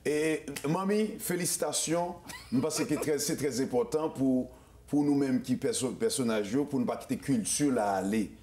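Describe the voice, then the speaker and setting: A man from Haiti, hosting a casual interview, talking in an animated way with frequent stammered restarts. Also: medium pitch, moderate pace, reverberant. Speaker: show host.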